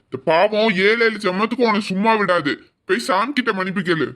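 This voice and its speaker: A man's voice: sits high, brisk, bright, forceful tone, pitched above the performer's own voice. A man playing a stern scolding father. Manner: firm, reproachful. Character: stern middle-aged father scolding his wife. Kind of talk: family drama skit.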